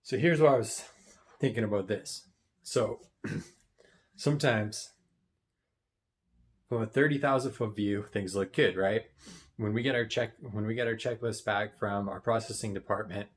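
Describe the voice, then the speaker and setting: A man with a fairly low voice shares casual motivational advice as a business financing coach. He speaks to camera in a conversational way, keeps checking in with "right?", and clears his throat now and then. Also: fairly even intonation, normal speed. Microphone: wearing headphones.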